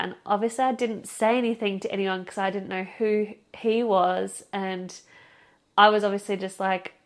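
A young woman hosting a podcast, telling a story in a casual, expressive way, with lots of "like" and the odd swear. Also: medium pitch. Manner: chatty, expressive, heavy use of "like" and swearing. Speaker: podcast host.

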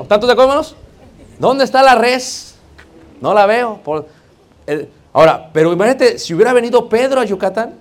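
A man with a Mexican Spanish accent preaching a sermon in a conversational, joking way, often calling out to the congregation. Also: very high-pitched. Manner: conversational, joking, keeps addressing the congregation as brothers.

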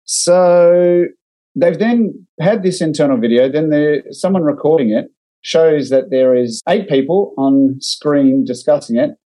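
Mellow-voiced Australian man, dry humor. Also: fairly high pitch, measured pace, rough recording. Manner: wry, dry humor, reads out and critiques clips. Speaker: podcast co-host and digital marketer. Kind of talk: casual podcast chat. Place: remote call.

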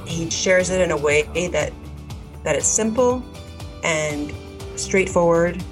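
A woman's voice: on the low side, slow pace, soft background music. A woman co-hosting a podcast, talking reflectively with fillers and restarts. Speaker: podcast co-host. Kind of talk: casual podcast talk.

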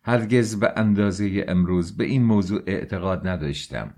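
A man's voice: sits low, a little mellow. A man voicing a proud, tormented young man who argues heatedly and bitterly.

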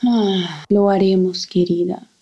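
An actress playing a warm, motherly older woman who speaks gently and affectionately. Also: on the low side, fairly even intonation, measured pace, husky, dull audio. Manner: gentle, affectionate, calls others darling. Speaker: family friend. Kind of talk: drama acting.

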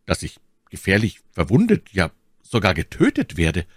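A man's voice: sits low, wildly swooping pitch, normal speed, no room sound, studio quality, full character voice. A man voicing a gallant, earnest young swordsman who speaks in a courtly, pleading way in an audiobook. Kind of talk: audiobook character voice.

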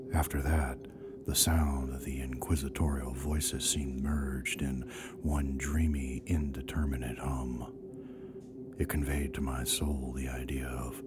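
A whispering sinister horror storyteller. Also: male voice, rumbling low. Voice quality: breathy whisper. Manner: slow, creeping, theatrical. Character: sinister old male horror actor, menacing. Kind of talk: radio bedtime story narration. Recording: loud music behind.

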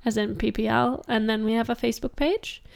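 A woman co-hosting a podcast in casual chat, tossing out teasing, deadpan quips. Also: a little high, fairly quick, creaky. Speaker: podcast co-host.

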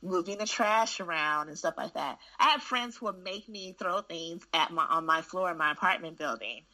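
In relaxed conversation, a school administrator shares candid stories at an ordinary pace, her voice sitting on the low side. Frank and lively, she keeps restarting her sentences, all captured in poor-quality audio.

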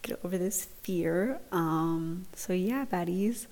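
Speaking slowly yet animatedly, this young woman has a low-leaning, slightly mellow voice. She's a podcast host giving a casual solo update from a dorm lounge, recorded through earphones on a laptop, and comes across as awkward, hesitant and self-conscious.

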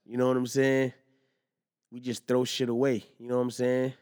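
A young man talks through his podcast in a loose, rambling monologue. He is full of slang and swearing, and keeps circling back with "you know what I'm saying". His voice sits at an ordinary mid pitch. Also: completely flat delivery, moderate pace, a little mellow, clear, resonant tone. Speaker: podcast host. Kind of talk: casual monologue.

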